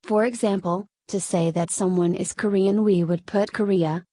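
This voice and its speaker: Spanish accent lady teacher, steady step by step explaining, mid voice, super dry recording. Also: medium pitch, normal speed, no echo. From Spain. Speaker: Korean language teacher. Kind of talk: scripted lesson narration.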